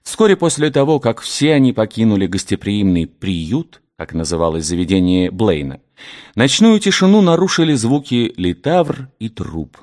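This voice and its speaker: A man's voice: on the low side, very animated, moderate pace, darkish tone. A man reading a historical novel aloud as narrator, voicing the characters expressively.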